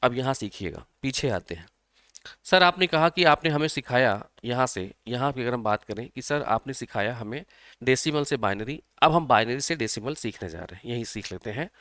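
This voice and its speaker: A man's voice: medium pitch, animated, normal speed, a bit bright, no room sound, clean studio sound. A male computer teacher, explaining an exam-prep lesson step by step and often checking that students follow. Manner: repetitive, checks understanding often.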